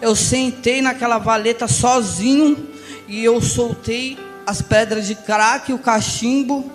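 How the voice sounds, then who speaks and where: A young Brazilian man giving an emotional church testimony, passionate and swinging between hushed and loud. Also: very high-pitched, steady tone, slow. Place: large church hall. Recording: reverberant church hall with music.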